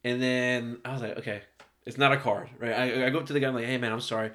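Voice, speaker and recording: A man hosting a podcast, telling a story in casual chat, animated and laughing, swearing often. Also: mid-range voice, fast talker. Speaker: podcast host. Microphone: podcast mic.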